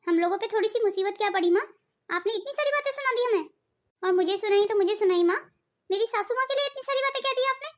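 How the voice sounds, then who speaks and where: A devoted young daughter-in-law in a cartoon family drama, voiced by a woman. She speaks in a very high, thin voice. Her manner is pleading and emotional. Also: fast talker. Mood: upset pleading. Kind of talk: cartoon voice acting.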